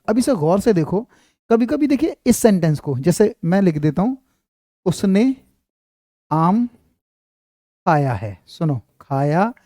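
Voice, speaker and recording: A man teaching Hindi grammar in an online class, slowly repeating example sentences and speaking into a clip-on mic. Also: sits high, dark tone, dry recording, studio quality.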